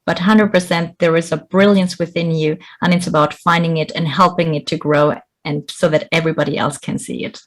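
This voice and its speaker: A woman's voice: low-pitched, steady tone, fairly quick, few pauses. A middle-aged woman from Bolivia, an executive coach giving earnest, encouraging interview answers.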